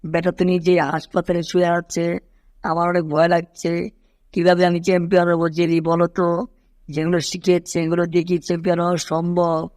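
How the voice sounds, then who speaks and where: A wailing, boastful-then-scared cartoon cat, voiced by a man in a high, raised voice. The recording is close and completely dry. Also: completely flat delivery, a little fast, a little mellow, no echo, close to an everyday voice. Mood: fretful. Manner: wails and yelps when hurt. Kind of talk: fan cartoon dub.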